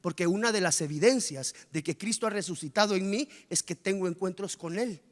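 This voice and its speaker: A male pastor preaching with animated energy, firing rhetorical questions at his congregation. His voice sits high for a man, and the sound carries the long reverb of a church hall. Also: fairly quick. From Guatemala. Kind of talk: sermon.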